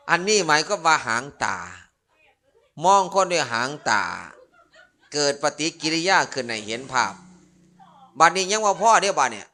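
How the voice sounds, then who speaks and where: Joking monk with an Isan accent. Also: male voice, a little high, pushed and bright. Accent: Northeastern Thai (Isan). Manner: joking, storytelling, playful asides to the audience. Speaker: Buddhist monk preacher. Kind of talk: humorous Dharma sermon.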